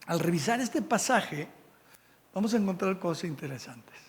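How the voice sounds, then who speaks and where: A man's voice: sits high, expressive, normal speed, big-room sound. A man with a Mexican Spanish accent preaching a sermon in a church, reading scripture and checking in with the congregation. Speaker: pastor. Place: church sanctuary.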